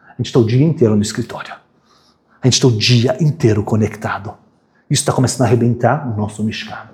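A man's voice: mid-range voice, fast talker. A man giving a sermon, telling stories and acting out the characters' voices. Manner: animated storyteller, acts out voices of characters. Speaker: rabbi giving a talk. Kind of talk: sermon with acted-out story.

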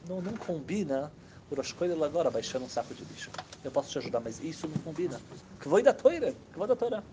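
Animated man telling a sermon story. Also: on the high side, noisy background. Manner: animated, acts out characters' voices. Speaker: rabbi telling stories.

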